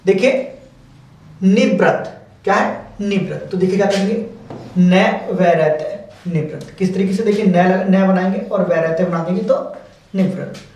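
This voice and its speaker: Echoey Hindi shorthand teacher, distant mic. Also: male voice, high voice, moderate pace, mellow. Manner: patient, repetitive explaining. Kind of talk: step-by-step stenography lesson. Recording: very echoey room, mic far off.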